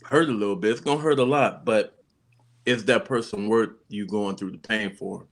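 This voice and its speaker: A man co-hosting a casual relationship talk, reflective and halting as he works through his thoughts. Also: lowish voice. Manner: reflective, halting with fillers and restarts. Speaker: co-host of a relationship channel.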